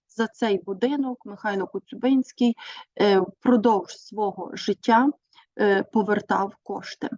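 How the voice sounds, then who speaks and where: A woman's voice: a little high, darkish tone, dry recording. Teacher woman, dull dry recording. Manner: measured, with frequent hesitations. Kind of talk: presentation on teaching methods.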